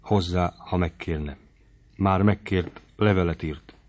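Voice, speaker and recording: A man reading aloud as a shy young daughter who answers quietly and timidly. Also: low voice, steady tone, lightly acted.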